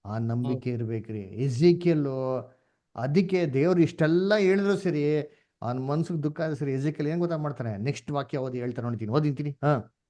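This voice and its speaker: A man's voice: on the high side, brisk, mellow. A man with a Kannada accent teaching an online Bible class, asking questions and mixing English words into his talk. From India.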